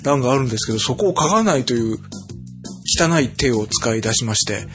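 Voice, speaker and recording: A man's voice: mid-range voice, animated, brisk, fairly bright tone, soft background music. A man co-hosting a chat podcast, teasing his partner with dry jokes. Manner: teasing, dry joking asides. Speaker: podcast co-host. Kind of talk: casual chat.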